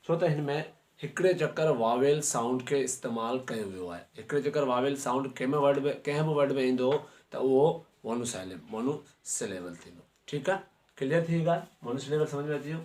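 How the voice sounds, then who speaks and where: A man's voice: mid-range voice, brisk, darkish tone. A man with a Sindhi accent teaching a grammar lesson, often checking that the class has understood. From Sindh, Pakistan. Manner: checks understanding with frequent rhetorical questions. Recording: echoey room, mic at a distance, faint noise.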